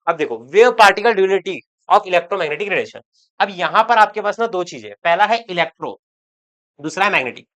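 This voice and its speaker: A man's voice: high voice, expressive, moderate pace, bright, forceful tone. A man teaching chemistry in an online lecture, chatty and joking with students, repeating words for emphasis. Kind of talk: online exam-prep lecture.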